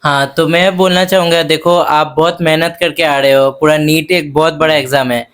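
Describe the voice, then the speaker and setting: A young man answers interview questions in an easygoing, halting way. His voice is fairly high, and he pads his points with fillers and friendly asides. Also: clean tone. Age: young adult. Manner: relaxed, hesitant, many fillers, friendly "bhai". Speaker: medical student guest. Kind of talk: casual interview chat.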